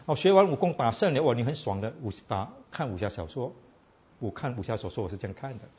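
Lively code-switching male preacher. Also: mid-range voice, fast, breathy edge, lo-fi sound. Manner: animated, asks the audience "all right?" often. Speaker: preacher teaching a Bible class. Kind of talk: casual sermon mixing Chinese and English.

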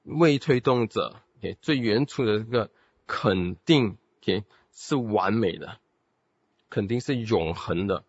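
A man's voice: fairly low pitch, husky, dry recording. A man giving a theology lecture, explaining step by step with rhetorical questions and saying "OK" constantly between phrases. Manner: peppers speech with "OK" and English terms. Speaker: theology teacher. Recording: dull, dry lo-fi recording.

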